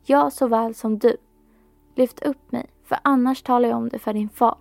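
A woman's voice: fairly high pitch, steady tone, creaky, a little mellow, no room sound, soft background music. A woman voicing a small, persistent male frog who keeps pleading and insisting. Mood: demanding.

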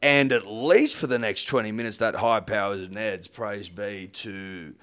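A man's voice: lowish voice, normal speed, fairly bright tone, smooth. A man co-hosting a podcast, speaking in a mock-grandiose, preachy way. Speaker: podcast co-host. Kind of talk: casual banter.

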